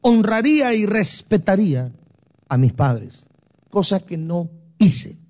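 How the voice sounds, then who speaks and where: An older man from Guatemala with a Guatemalan accent, giving an emotional sermon testimony with dramatic storytelling that swings from loud to soft. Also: sits high, big pitch swings, slow pace. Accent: Guatemalan Spanish. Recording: dull lo-fi recording.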